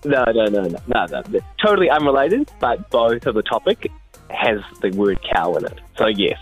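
A man's voice: mid-range voice, big pitch swings, normal speed, breathy edge, poor audio. A man with a New Zealand accent giving casual, humorous news chat in an informal, giggly, hesitant storytelling way. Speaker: radio news segment correspondent. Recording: faint music behind. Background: music.

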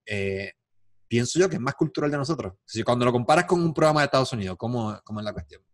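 A man with a Puerto Rican Spanish accent hosts a podcast in relaxed, opinionated conversation. He throws in quick asides and talks at a middle pitch. The recording is dry and close. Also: dry recording. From Puerto Rico. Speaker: podcast host. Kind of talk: casual podcast chat. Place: lives in the United States.

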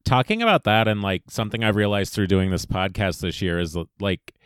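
Brief: young male podcast host, low smooth voice, dry and reflective. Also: a little fast, fairly bright tone, no echo. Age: young adult. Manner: easygoing, reflective, dry humor. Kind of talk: casual chat.

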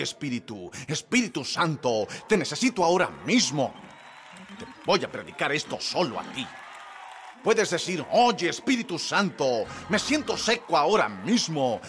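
Guy preaching in church, high husky voice, bouncy and animated, cracking jokes then yelling. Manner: energetic, swings from soft asides to shouted peaks; jokey and conversational. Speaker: pastor. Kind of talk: sermon.

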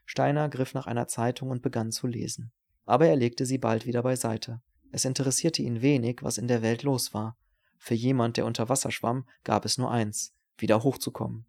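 A man reading a novel aloud as an audiobook narrator, in a measured, even storytelling voice. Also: medium pitch, creaky.

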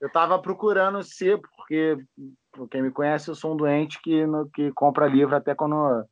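A man's voice: on the high side, steady tone, normal speed, dry recording. Rambling Brazilian man, dry lo-fi sound. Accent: Brazilian Portuguese. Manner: rambling, restarts a lot, swears casually. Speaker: podcast host. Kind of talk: casual chat.

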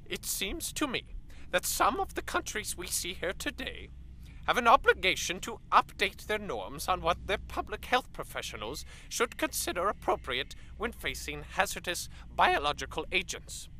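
In a radio drama with a noisy recording, an actor plays a condescending male professor, a scientist interviewed on air, who delivers a pompous explanation while sneering at colleagues. The exaggerated voice sits high and is very animated, bright and forceful, at normal speed.

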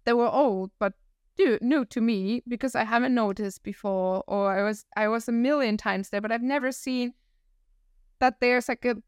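A woman in her thirties with a northern German accent, talking as a podcast guest. She tells her story in a reflective, animated way and laughs often. Her voice is smooth and clear, recorded dry and close. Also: fairly high pitch, moderate pace, dry recording. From northern Germany, near Hamburg. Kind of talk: casual interview conversation.

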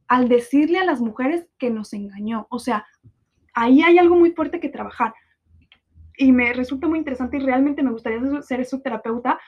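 A Mexican woman in her twenties hosting a podcast, talking bluntly and sarcastically and swearing freely in a casual confessional monologue. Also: high voice. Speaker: podcast host. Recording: dull lo-fi recording.

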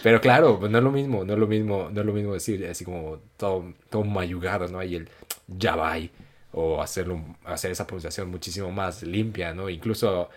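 Mexican man, low voice, animated casual storyteller. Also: brisk, few pauses, slight background noise. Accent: Mexican Spanish. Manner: animated storyteller, jumps to high acted voices for quotes; colloquial, many fillers. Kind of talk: casual chat.

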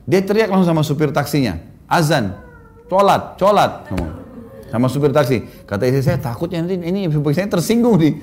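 A man preaching to a congregation, telling anecdotes about his children in a warm storytelling way and often chuckling at his own stories. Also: sits high.

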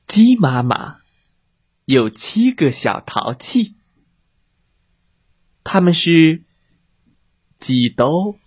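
A male storyteller reading a bedtime story for small children, unhurried and stretching his words out. His pitch rises and falls in big, playful swoops, and his voice has a faintly husky grain. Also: dry recording. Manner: animated, drawn-out, child-directed.

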